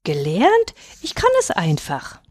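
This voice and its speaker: A woman's voice: sing-song, moderate pace, darkish tone, no echo, clean studio sound. A woman voicing a tiny, proud young male bunny who speaks in prim, polite phrases in a storybook reading. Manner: prim, well-mannered, raised pitch.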